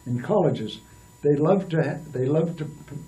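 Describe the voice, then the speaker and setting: Older man, interview guest, rambling anecdotal delivery, slightly raised pitch, mellow tone, mic a bit distant. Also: animated, moderate pace, lo-fi sound. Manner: rambling, with many restarts and fillers. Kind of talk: storytelling in a casual interview.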